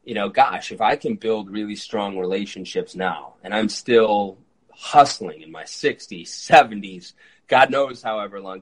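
A man in his early thirties hosting a podcast interview, eager and quick, with frequent fillers. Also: lowish voice, rough recording. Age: 30s. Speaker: podcast host. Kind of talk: conversational interview.

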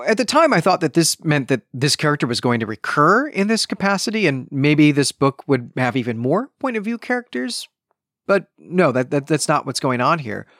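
A man hosts a book review podcast, reading passages aloud and commenting on them in an emphatic, opinionated, conversational way. His mid-range voice is captured with clean studio sound and no echo.

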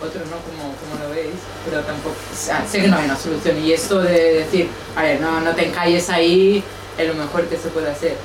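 A woman's voice: low voice, fairly even intonation, a little fast, hardly any pauses. A young woman, sharing in a group circle, hesitant and searching, with many restarts. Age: young adult. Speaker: group participant. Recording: echoey room from far off, background noise.

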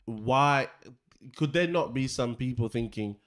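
A man's voice: medium pitch, unhurried, a bit bright, smooth. A man co-hosting a casual faith discussion podcast, posing probing questions with frequent restarts. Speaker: podcast co-host.

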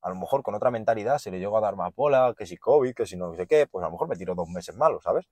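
A man's voice: on the low side, fast, no echo. A man telling stories in a casual monologue, blunt and profane, acting out the people in them. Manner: blunt, profane, animated storytelling. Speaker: podcast host.

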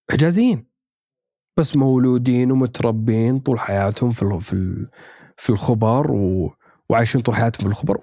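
A man's voice: medium pitch, mellow, breathy edge, dry recording, clean studio sound. A man, chatting casually as a podcast guest, thinking aloud with many fillers and restarts. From Saudi Arabia. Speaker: podcast guest, actor and writer. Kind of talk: casual chat.

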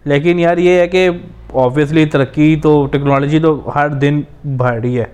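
A man's voice: on the high side, fairly even intonation, darkish tone, clear, resonant tone. Casual male host, clean resonant voice, explains at ease and switches into English now and then. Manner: explanatory, drops English phrases into speech. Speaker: podcast host. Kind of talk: casual chat.

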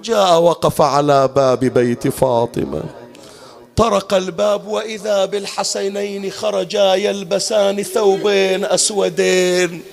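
High-voiced Iraqi man chanting a mourning elegy. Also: steady tone, vocal fry. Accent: Iraqi Arabic. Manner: shifts from quick spoken storytelling to high drawn-out wailing chant. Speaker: mourning reciter at a religious gathering.

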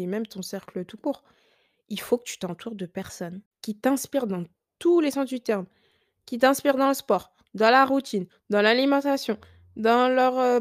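A woman's voice: a little high, dry recording, studio quality. A young woman from France chatting casually as a podcast host, giving emphatic advice with lots of fillers.

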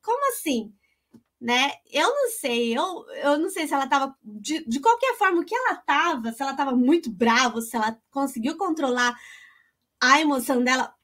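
A woman's voice: sits high, animated, moderate pace, fairly bright tone. A woman talking casually about a Bible story and her own life, chatty and emotional, calling her listeners "gente". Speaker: co-host.

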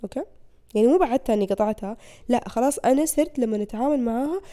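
A woman's voice: a little high, racing. A young woman, hosting a podcast as a casual monologue and acting out the people she quotes. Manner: animated, acts out quoted people. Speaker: podcast host.

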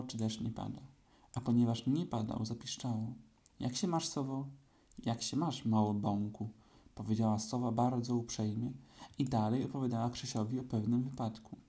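A man calmly reading a children's storybook aloud as narrator. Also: mid-range voice.

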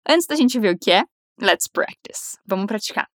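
A Brazilian woman teaching English phrases to Portuguese speakers, repeating lines slowly and then explaining them quickly and encouragingly. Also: medium pitch, lively intonation, no echo, clean studio sound.

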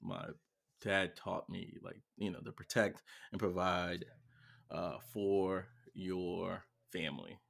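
A man in his thirties co-hosting a casual podcast, his voice low and gravelly. He tells stories with animation, acting out his own lines. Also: takes it slowly. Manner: animated storyteller, acts out his own shouts. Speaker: podcast co-host. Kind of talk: casual chat.

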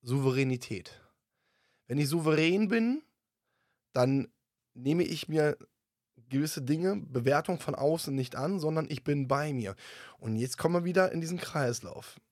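A man hosts an interview and talks emphatically, repeating key words and pulling points together into a summary. His voice sits on the higher side for a man. The sound is dry and close, with no room around it. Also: expressive, measured pace, a little mellow, no echo. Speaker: podcast host. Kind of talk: conversational podcast interview.

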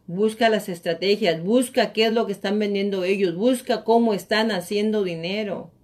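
Animated woman giving a motivational live talk. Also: medium pitch, normal speed. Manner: animated storytelling, acts out friends' quotes, coaxing viewers. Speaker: host of a live real estate talk show.

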